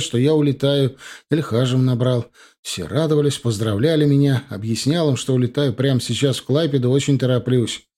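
A man narrating an audiobook in the first person, in brisk storytelling. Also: medium pitch, darkish tone.

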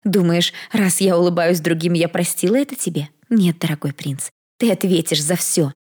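A woman voicing a sharp-tongued, defiant young bride who snaps back with scorn. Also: on the low side, normal speed, husky. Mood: snappish. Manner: snappish, scornful.

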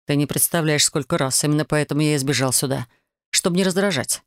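Мужчина-чтец озвучивает усталого, сдержанного мужчину-инквизитора: чуть ниже и суше своего обычного голоса, в фэнтезийной аудиокниге. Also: male voice, a little high, fast, dry recording, studio quality, lightly acted. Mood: dry calm. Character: weary, guarded male inquisitor mage.

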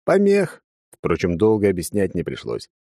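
A man's voice: deep voice, expressive, a little fast, dark tone, no echo. A man narrating a first-person fantasy audiobook with wry, dry asides.

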